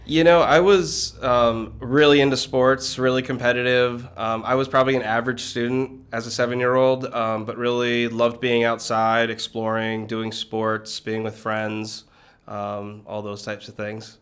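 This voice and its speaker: A man in his thirties from Connecticut, a guest in an interview, talking in a relaxed, reflective way with many fillers. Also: mid-range voice, a little slow. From Connecticut, USA. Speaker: guest, business leader. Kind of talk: conversational interview.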